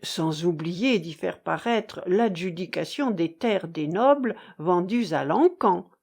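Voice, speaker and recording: A woman reading the part of a smug, anglophile Russian aristocratic officer in an audiobook, speaking smoothly and mockingly. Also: lowish voice, lively intonation, takes it slowly, a little mellow, heavily acted.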